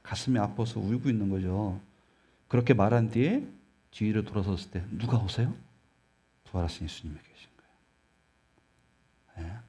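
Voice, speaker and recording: A male pastor preaching a sermon in an emphatic, animated way, often putting questions to the congregation. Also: lowish voice, moderate pace, pauses often, husky.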